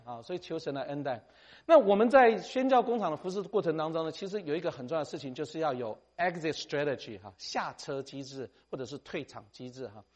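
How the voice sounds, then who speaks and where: A middle-aged missionary preacher, his voice pitched a little high for a man. His delivery is highly animated and swings up and down as he talks. He keeps it conversational, sprinkling in English words and ending phrases with a friendly "ha". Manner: animated, tags sentences with "ha", mixes in English phrases. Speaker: missionary speaker. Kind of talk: sermon.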